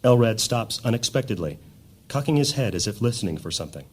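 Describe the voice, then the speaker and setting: Low-voiced solemn male narrator. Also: expressive, fast talker, darkish tone, breathy edge. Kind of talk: scripted fantasy drama narration.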